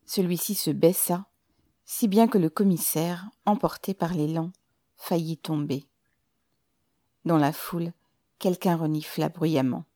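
A woman narrating a novel in a measured, even storytelling manner. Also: on the low side, no room sound, clean studio sound. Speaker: audiobook narrator.

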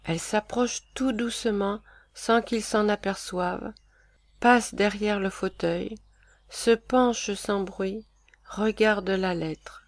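A woman reading the stage directions of a play in a calm, even way. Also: mid-range voice, slow pace, no echo.

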